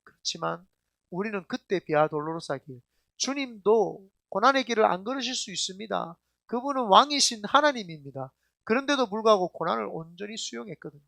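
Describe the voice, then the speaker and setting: Male pastor, high voice, emphatic colloquial preacher who questions the congregation. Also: lively intonation, fairly quick, vocal fry, pushed and bright, dry recording, clean studio sound. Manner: addresses the congregation directly with questions. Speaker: senior pastor. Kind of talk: sermon.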